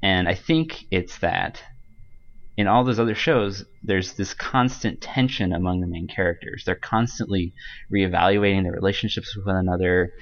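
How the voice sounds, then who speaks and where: A man's voice: deep voice, normal speed, dull audio. A man talking casually on a podcast as a guest author, hesitant and rambling, with frequent ums and restarts.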